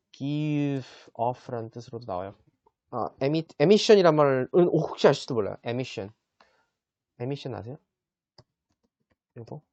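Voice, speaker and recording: A man teaching English vocabulary in a casual lesson, chatty and often checking in with his listeners, sounding words out slowly. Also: mid-range voice, darkish tone, no echo, highs cut off. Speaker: English tutor.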